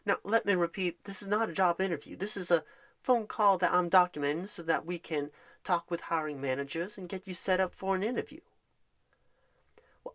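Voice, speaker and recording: In a calming ASMR roleplay of a phone screen, a performer voices a cheerful, reassuring recruiter who speaks wordily and encouragingly, like a salesperson. The voice is mid-range, a bit bright, and natural.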